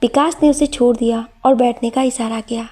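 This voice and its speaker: A woman narrating an emotional story in a steady storytelling voice. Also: on the high side, normal speed.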